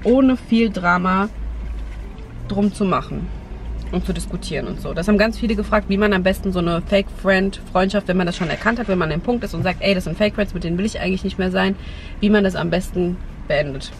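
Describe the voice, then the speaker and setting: A woman's voice: medium pitch, brisk. Young woman doing a casual advice chat, sitting in a car with some background noise. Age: young adult. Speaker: vlog host. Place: inside a parked car. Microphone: camera on the dashboard. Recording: noisy car interior, outdoor ambience.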